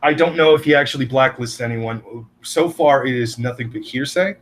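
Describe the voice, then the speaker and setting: A man hosting a live stream chats casually and bluntly, swearing heavily and launching into exasperated rants. His voice is mid-range at normal speed.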